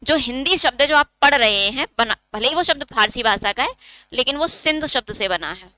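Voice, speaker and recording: Bright, high-voiced woman teaching a lesson. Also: expressive, moderate pace, dry recording. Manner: explains step by step, asks students questions and answers them herself. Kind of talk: online exam-prep lesson.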